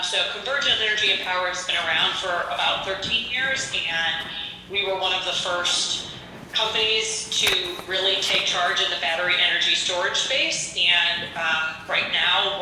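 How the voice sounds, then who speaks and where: Her presentation comes through a room speaker: a remote woman representing a company, halting and leaning on fillers. She speaks on the low side with a sharp tone, her phone on speakerphone echoing into the meeting hall amid slight background noise.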